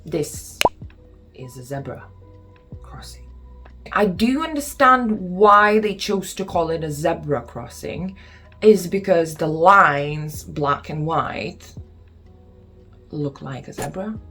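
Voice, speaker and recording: A young Lithuanian woman with a Lithuanian accent talks casually to the camera in a home vlog, her voice fairly low and slightly bright. She fills her chatter with plenty of ums and exasperated asides.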